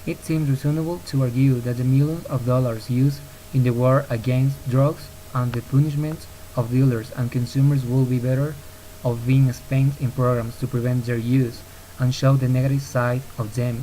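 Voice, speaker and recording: An earnest young man from Ecuador with a mellow, mid-range voice reads an argumentative podcast aloud at a moderate pace. His reading is steady, with occasional slips and restarts. The home recording has poor audio and faint hiss.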